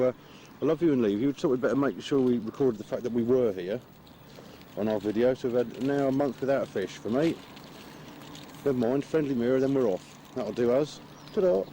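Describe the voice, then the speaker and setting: A man giving a relaxed, rambling video diary update outdoors by a lake. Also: moderate pace, long pauses, slight background noise. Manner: relaxed, low-key, rambling chat.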